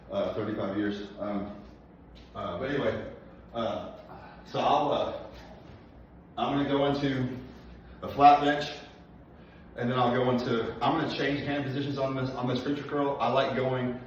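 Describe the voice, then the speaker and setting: A man's voice: medium pitch, slight background noise. A man in his forties talking casually between workout sets, out of breath and enunciating carefully with many fillers. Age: 40s. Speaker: personal trainer. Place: gym, indoors. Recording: echoey, distant, dull gym recording.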